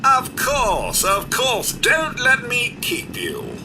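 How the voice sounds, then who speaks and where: A man voicing a pompous, cheerfully ghoulish male robot doctor in a game, with a smooth synthetic robot sound and a self-satisfied, chirpy manner. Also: extremely high pitch, big pitch swings, slow pace, background noise, full character voice. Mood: smug. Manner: chirpy, self-satisfied, exaggerated rises and drops. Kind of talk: video game character dialogue.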